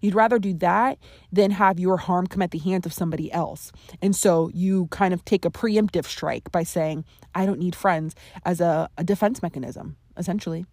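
A woman's voice: lowish voice, moderate pace, a little mellow, dry recording. A young adult woman hosting a podcast, talking earnestly and conversationally with playful emphasis. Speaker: podcast host. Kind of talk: solo podcast talk.

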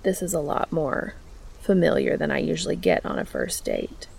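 Woman voicing a gentle man, soft-spoken, low and close, gravelly, storybook reading. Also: wildly swooping pitch, moderate pace, heavily acted. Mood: soft, reassuring.

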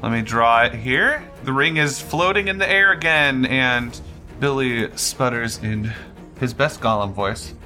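A man's voice: mid-range voice, a little slow, bright, forceful tone, soft background music. A man acting as game master, casually narrating combat and rulings in a tabletop role-playing game.

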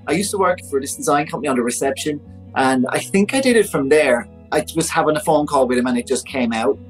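A man's voice: a little high, fast, soft background music, low-quality recording. Chatty man telling his story. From Ireland. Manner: chatty, animated, full of fillers like "you know" and "like". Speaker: interview guest. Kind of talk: candid personal storytelling.

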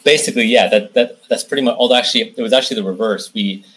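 A film director and producer, appearing as an interview guest, answers conversationally and explains things in detail, often restarting his phrases. His mid-range voice is a bit bright with a breathy edge, and he talks very fast.

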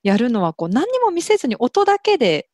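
A woman's voice: high-pitched, huge pitch swings, brisk, a little mellow, no echo. A woman hosting a casual interview, attentive and agreeable, with frequent short acknowledgements. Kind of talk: conversational interview.

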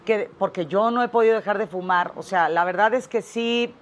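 A woman's voice: mid-range voice, normal speed. A woman, a singer guest, chatting candidly on a talk show. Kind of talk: casual chat.

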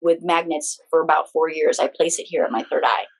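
Speaking with a deep voice and fairly level intonation, this woman is a healing practitioner being interviewed as a guest. She explains conversationally, moving haltingly and starting phrases over.

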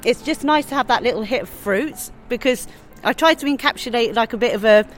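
Chatty woman chef, animated and lively. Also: on the high side, brisk, faint music behind. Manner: chatty, animated, with frequent laughs. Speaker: chef, podcast guest. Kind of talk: casual chat. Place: outdoors on church steps.

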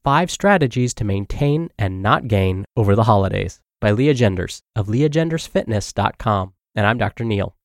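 A man's voice: on the low side, lively intonation, normal speed, few pauses, dry recording, studio quality. A man hosting a health podcast, reading a blog article aloud, his voice a little congested. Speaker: podcast host and narrator.

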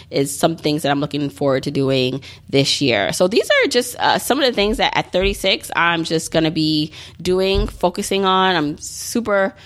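A woman in her thirties hosting her own podcast, talking in a chatty, upbeat and encouraging way with plenty of "like" and "you know". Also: sits low. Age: 30s. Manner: chatty, upbeat, motivational, many fillers. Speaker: podcast host. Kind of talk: solo podcast monologue.

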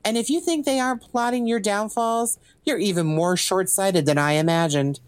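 In an audio drama, a woman voices a cocky, legendary assassin and thief for hire, lightly acting out smug, drawling, theatrical taunts in a scornful, commanding mood. Her voice is mid-range at a moderate pace, with no echo.

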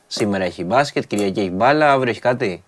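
A man's voice: lowish voice, lively intonation. A man co-hosting a sports radio show, chatting casually and teasing his partner. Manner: laid-back, teasing, laughs often.

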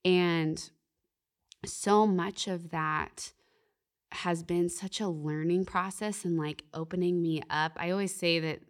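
Taking things slowly, a young woman with a fairly low, steady voice talks about faith as a podcast guest. She is earnest and reflective, often leaning on "like" and "you know."

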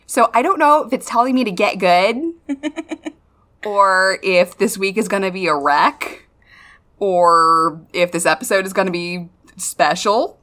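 Bright-voiced woman, silly and chatty. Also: medium pitch, unhurried. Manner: silly, self-mocking, sweary. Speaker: podcast co-host. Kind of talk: casual chatty podcast storytelling.

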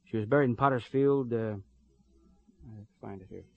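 An actor playing a cheerful, talkative middle-aged police partner with a joking manner in a 1950s radio drama. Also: male voice, medium pitch, moderate pace, vocal fry, phone-quality sound, natural voice. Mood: chatty.

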